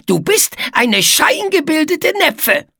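A woman's voice: sits high, sing-song, slow pace, bright, forceful tone, no room sound, clean studio sound, pitched above the performer's own voice, heavily acted. Woman doing grumpy word-twisting bug Etze. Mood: mocking. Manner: growling, mocking, garbles words. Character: grumpy male bug who twists words.

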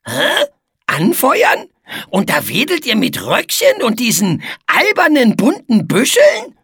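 Storybook: a cranky male bug, voiced by a woman, growls and garbles words, high and breathy. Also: huge pitch swings, slow, a bit bright, no room sound, studio quality, full character voice. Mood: grumpy. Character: grumpy male bug who twists words.

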